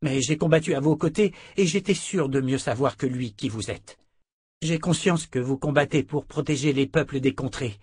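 A man's voice: mid-range voice, moderate pace, darkish tone, slightly rough, no echo, pitched above the performer's own voice, natural voice. A man voicing a loyal young male officer, earnest and respectful as he explains himself.

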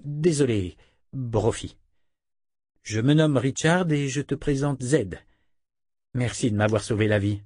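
A man voicing a naive, easily startled young man, raised and excitable, in an audiobook. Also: mid-range voice, unhurried, long pauses, dry recording, clean studio sound, lightly acted. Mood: earnest.

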